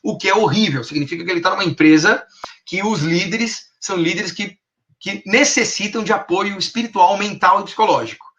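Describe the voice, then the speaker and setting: Brazilian guy teaching a workshop, high-ish bright voice, super energetic, keeps acting out how to say stuff. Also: brisk, slight background noise. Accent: Brazilian Portuguese. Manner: energetic, demonstrates vocal intonations. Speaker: communication trainer. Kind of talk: workshop lecture. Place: lecture stage.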